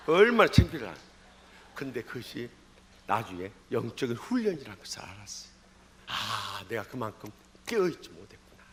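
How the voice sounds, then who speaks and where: A middle-aged male pastor from Jeolla with a Jeolla accent, preaching a sermon in an animated storytelling manner, swinging between loud calls and low asides in a church. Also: slight background noise. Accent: Jeolla Korean. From Jeolla, South Korea. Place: church sanctuary.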